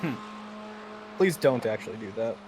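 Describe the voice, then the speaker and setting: Man, animated intonation, teasing deadpan jokes, voice chat, noisy background. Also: medium pitch, normal speed. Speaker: teammate on voice chat. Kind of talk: casual voice-chat banter. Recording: noisy game-audio background.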